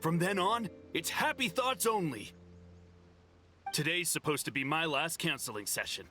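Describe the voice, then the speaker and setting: A man's voice: a little high, lively intonation, normal speed, pushed and bright, soft background music. A man voicing a haughty, devoted follower of a spiritual counselor in a video game, by turns indignant and gushing. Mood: smug, gushing.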